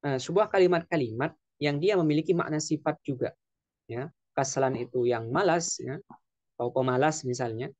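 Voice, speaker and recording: A man teaching an Arabic vocabulary lesson, explaining slowly and repeating words with frequent fillers. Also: a little high, darkish tone, dry recording. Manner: slow, repetitive explaining with frequent "ya". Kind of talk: classroom lesson.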